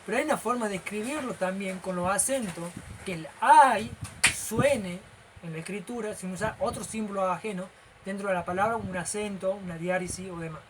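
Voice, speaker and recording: A man's voice: high voice, brisk, noisy background. A man with a Rioplatense accent gives an informal lecture as a teacher. He explains things step by step and keeps checking that the listener is following. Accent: Rioplatense Spanish. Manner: animated and gestural.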